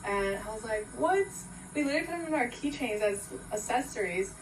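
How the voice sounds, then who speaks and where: A woman from Los Angeles telling a short story to camera in a quick, animated way, acting out the quotes she retells. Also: on the high side, background noise. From Los Angeles, United States. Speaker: clip storyteller. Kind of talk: casual short-video storytelling. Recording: roomy phone video from a distance, faint ambience.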